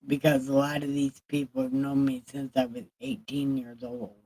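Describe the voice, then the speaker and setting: A woman's voice: extremely low pitch, sing-song, normal speed, gravelly, warm tone, husky. A woman livestreamer in casual chat, talking candidly and with plenty of swearing to her viewers. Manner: candid, profane, chatting with viewers.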